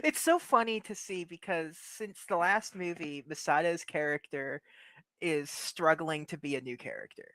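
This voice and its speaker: A man's voice: a little high, moderate pace, sharp tone, no room sound. A young man co-hosting a podcast, chatting animatedly, laughing often and swearing casually. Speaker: podcast co-host. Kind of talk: casual chat.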